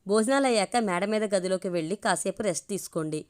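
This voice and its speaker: A woman's voice: mid-range voice, brisk, darkish tone, natural voice. A woman voicing an affectionate fifty-year-old mother in a storybook reading.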